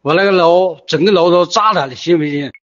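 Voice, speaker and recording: A man's voice: high-pitched, a little fast. An older man with a Wuhan accent, distraught and agitated, speaking insistently and repeating himself in informal voice messages. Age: older, near retirement. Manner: agitated, insistent, repetitive pleading and warning. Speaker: resident leaving voice messages in a group chat. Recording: muffled lo-fi phone voice messages.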